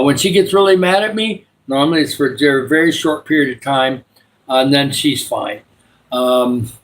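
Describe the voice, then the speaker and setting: This sixty-something live-stream host has a slightly bright, higher-leaning voice. He wanders from topic to topic while chatting casually with his audience and offering prayers for them.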